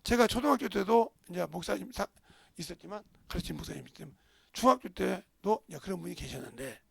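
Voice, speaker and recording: A middle-aged male pastor preaching a storytelling sermon, acting out voices and sometimes shouting. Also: high-pitched, animated, fast talker, creaky, husky, dry recording. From South Korea.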